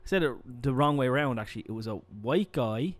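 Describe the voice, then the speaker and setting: A young man with a Dublin Irish accent, a podcast co-host who rambles through animated stories, restarting sentences and swearing freely. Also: medium pitch, brisk. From Ireland. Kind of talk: casual chat.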